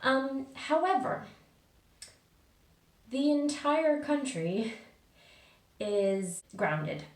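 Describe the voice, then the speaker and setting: A woman talks casually to her viewers at a slow, easy pace, with conversational asides. Her voice sits at a medium pitch and bounces off the hard walls of a bathroom. The microphone is a little way off, so the sound is roomy and echoey. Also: big pitch swings, darkish tone. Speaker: vlogger. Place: small indoor bathroom. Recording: echoey bathroom, distant mic.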